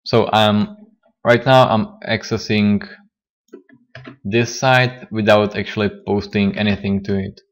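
A man teaching a coding tutorial, a little hoarse and talking haltingly with fillers and restarts. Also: on the low side, flat delivery. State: slightly hoarse, losing his voice. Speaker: programming tutor. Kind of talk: screen-recorded coding tutorial.

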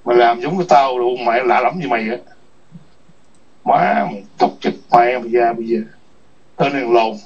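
Husky foul-mouthed man ranting. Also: mid-range voice, moderate pace, long pauses. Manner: foul-mouthed, scolding, repetitive taunts. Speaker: chat room host. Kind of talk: ranting livestream chat. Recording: distant muffled lo-fi mic.

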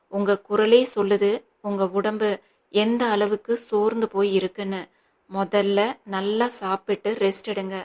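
A woman's voice: medium pitch, darkish tone, lightly acted. A woman reading an earnest, pleading young man. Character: anxious, earnest grown son pleading with his mother.

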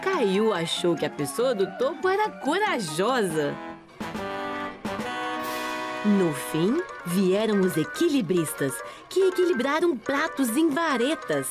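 A woman's voice: fairly high pitch, very animated, takes it slowly, music in the background. A woman narrating a children's cartoon as a storyteller, reading scripted lines.

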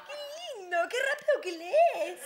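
An actress playing a brash, sharp-tongued young woman with a Rioplatense Argentine accent who is stuck babysitting, scolding and mocking in sitcom style. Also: very high-pitched, background noise, exaggerated voice. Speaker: sitcom character. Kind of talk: sitcom acting.

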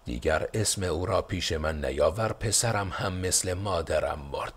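A man's voice: low-pitched, slightly rough. Man playing stern rebel leader Babak. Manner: stern, decisive.

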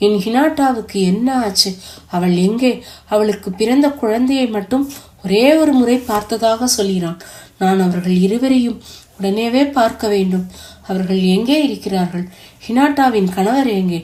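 A woman's voice: medium pitch, normal speed, dark tone, close to an everyday voice. A woman voicing an anxious young mother in a hospital, asking worried questions in a weak voice.

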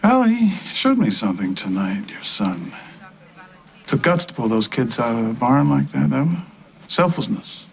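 A man's voice: medium pitch, very animated, moderate pace, vocal fry, a little hiss or hum. An actor playing a middle-aged father in a daytime soap, hesitant and placating as he tries to make amends. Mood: earnest.

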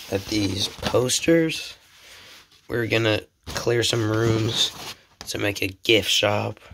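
At home, a young channel host runs a casual show-and-tell vlog while a little sick, so his voice is slightly off. He rambles, pokes fun at himself and often drops into whispers. His pitch is fairly low with vocal fry and a slightly bright edge, over a faint hiss or hum.

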